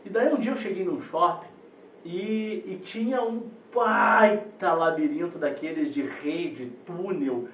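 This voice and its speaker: A man's voice: sits high, slow. A man, giving a live online parenting talk as a coach and telling stories animatedly straight to his audience. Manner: animated storyteller addressing the audience directly. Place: indoor room on a live video call. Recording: roomy echo, distant mic, faint noise.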